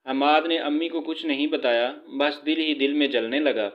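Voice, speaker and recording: A male storyteller narrates a scripted family story in a steady, even way. His voice sits a little high for a man, and the recording sounds slightly dull and lo-fi.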